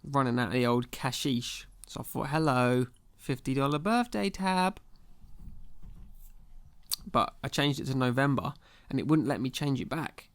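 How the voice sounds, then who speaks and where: A man's voice: mid-range voice, steady tone, a little fast, hardly any pauses, fairly bright tone. A young man ranting casually and sarcastically as a podcast host, full of slang and exasperation. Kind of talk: casual comedic rant.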